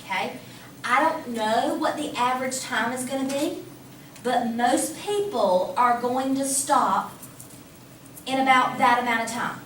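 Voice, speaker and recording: A woman math teacher giving a lively classroom lecture, talking casually and asking the class questions. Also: high-pitched, measured pace. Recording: echoey classroom from a distance, faint hum.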